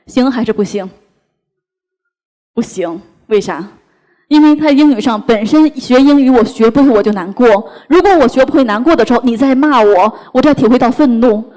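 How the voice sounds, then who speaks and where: A woman giving a parenting talk on stage to an audience, animated and acting out dialogue with her child. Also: a little high, moderate pace. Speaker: parenting speaker.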